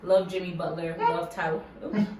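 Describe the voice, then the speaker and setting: Recorded from a distance in an echoey room with faint hiss and a crowd in the background, a young Massachusetts YouTuber answers questions in a casual, giggly Q&A vlog. Her voice is lowish and steady, her pace moderate, and she says "like" constantly.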